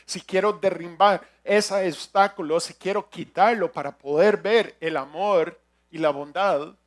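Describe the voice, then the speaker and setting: A man preaching a sermon as a pastor, earnest and emphatic, his loudness rising and falling. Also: high-pitched.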